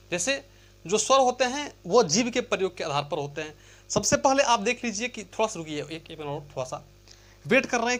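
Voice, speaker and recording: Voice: medium pitch, fairly bright tone. A Hindi grammar teacher giving an exam-prep lesson from a chart, repeating points, asking and answering their own questions, and stretching out vowel sounds to demonstrate them. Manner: repetitive, asks and answers own questions, addresses listeners as friends.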